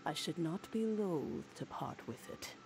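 A woman playing a kindly, frail old granny in a video game, talking in an elderly singsong with gentle wry humour. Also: low-pitched, expressive, vocal fry, background noise, heavily acted. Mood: gentle, amused. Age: older. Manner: elderly singsong, slow and unhurried. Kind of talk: video game character acting.

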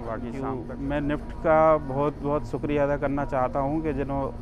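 A man's voice: mid-range voice, steady tone, brisk, highs cut off. A man in his thirties, a handloom sari weaver, explaining his craft plainly in an interview at an exhibition stall on a lapel mic. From Madhya Pradesh, India.

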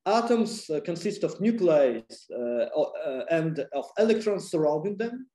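A man with a Russian accent gives a popular science lecture in a somewhat high, mellow voice. He speaks haltingly, with many fillers and restarts. The room adds a noticeable echo. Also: big pitch swings. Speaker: physicist lecturer. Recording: echoey room.

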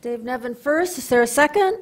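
A woman with an Upper Midwest American accent chairing a city council meeting in a brisk, procedural way. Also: high voice, expressive.

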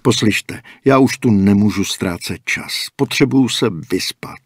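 An impatient young athlete, voiced by a man, pushing his questions in a raised, exasperated tone. The voice is somewhat husky and breathy, and the recording is dry and close. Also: fairly low pitch, no room sound. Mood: irritated, impatient. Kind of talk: audiobook character voicing.

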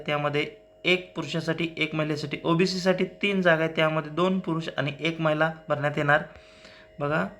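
A man's voice: on the high side, sharp tone. A man hosting a job-news channel, plainly explaining teacher job advertisements point by point and often telling viewers to look. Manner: plain explanatory, repeating "see" and "at this place".

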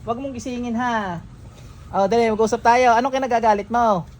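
A faith healer, sternly questioning a patient and murmuring ritual chants during a healing session at home. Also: male voice, very high-pitched, steady tone, a little fast, a little hiss or hum.

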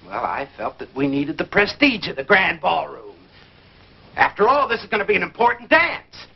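Pompous American committee chairman, high lively voice, earnest, old radio comedy, dull recording. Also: normal speed, vocal fry, full character voice. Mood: businesslike, proud. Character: self-important, glad-handing lodge committee chairman. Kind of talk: mid-century American radio comedy acting. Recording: dull, faintly noisy vintage radio recording.

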